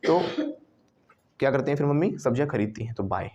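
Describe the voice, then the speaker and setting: A man's voice: medium pitch, lively intonation, brisk, warm tone, slightly rough, lo-fi sound. Man teaching a class. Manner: drills the class with questions and repetition. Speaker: English teacher. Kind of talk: classroom lesson mixing Hindi and English. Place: classroom with students.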